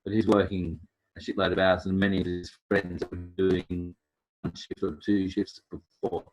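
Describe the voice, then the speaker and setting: A very deep-voiced man in his middle years talks loosely and circles back on his own phrases. His voice reaches us over a dull, lo-fi video call whose audio keeps glitching and cutting in and out. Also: level tone, moderate pace, a little mellow. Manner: rambling, with restarts. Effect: glitching audio that breaks in and out. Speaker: salon owner. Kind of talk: casual group chat.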